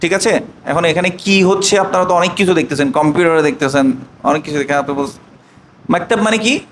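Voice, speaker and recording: A man teaching an online Arabic lesson, drawing out slow model phrases and often asking the students check questions. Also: a little high, roomy sound, slight background noise, poor audio.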